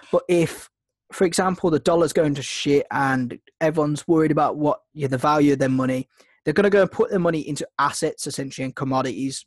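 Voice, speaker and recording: A trading mentor with a slight cold runs a casual screen-share webinar, his fairly high-pitched voice rambling along with frequent ums and restarts. No echo is present.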